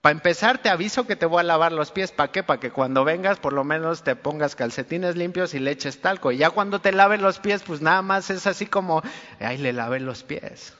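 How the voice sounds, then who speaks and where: Male pastor, high voice, casual and earnest, long reverb on a dull lo-fi recording. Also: fairly quick, hardly any pauses, pushed and bright. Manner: colloquial, earnest, addresses listener directly. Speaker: preacher. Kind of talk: conversational sermon.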